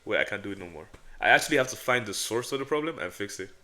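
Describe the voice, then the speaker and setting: A man's voice: expressive, very fast, pushed and bright. A man with an African accent on a casual podcast, rambling and stammering as he questions himself. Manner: rambling and self-questioning, stammers, drops into a mock deep voice. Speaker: podcast co-host. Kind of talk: casual chat.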